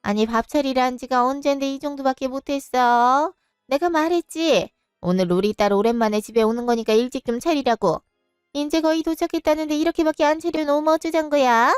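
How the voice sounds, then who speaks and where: A woman voicing a scornful, nagging middle-aged mother-in-law in a storybook drama, scolding in drawn-out tones. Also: high voice, no room sound, clean studio sound, faint music behind, lightly acted. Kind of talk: storybook voice acting.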